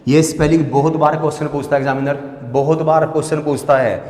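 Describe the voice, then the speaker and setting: Male exam-prep teacher, Hindi-speaking Indian accent, flat, slightly high voice, reverberant room. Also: fast talker. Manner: spells words letter by letter, repeats and addresses students. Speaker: English teacher for competitive exams. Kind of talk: spelling lesson lecture.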